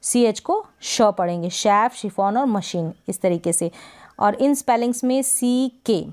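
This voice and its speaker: A woman teaching an English spelling and pronunciation lesson, drilling words slowly one by one. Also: on the high side, lively intonation, darkish tone. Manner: slow, repetitive word-by-word drilling. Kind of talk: English phonics lesson in Hindi.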